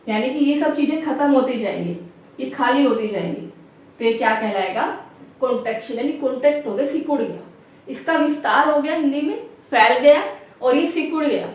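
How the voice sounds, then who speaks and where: High-voiced woman teaching in an echoey room. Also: distant mic. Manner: explains step by step, keeps checking with "ठीक है" and rhetorical questions. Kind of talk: classroom lecture.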